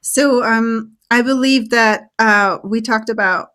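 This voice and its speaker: Woman guest, bubbly, with a fairly high voice, lots of little laughs and ums. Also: slow pace, fairly bright tone. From Switzerland. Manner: bubbly, laughs often, uses many fillers. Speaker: author and guest. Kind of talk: casual live interview.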